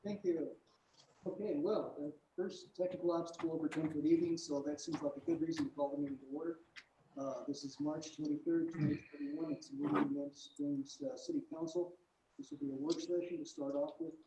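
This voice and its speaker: A man's voice: fairly high pitch, steady tone, brisk. A man chairing a meeting, his voice muffled and underwater-sounding, as if inside a hollow echo cave, patiently repeating mic checks. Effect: muffled underwater-sounding voice in an echoey hollow. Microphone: room microphone held back from the mouth. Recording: distant, dull, echoey mic with faint noise.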